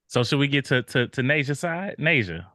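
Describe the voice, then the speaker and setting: A man's voice: medium pitch, sharp tone, no room sound. A man hosting a casual podcast, playful and joking as he passes the talk to each guest. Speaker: podcast host.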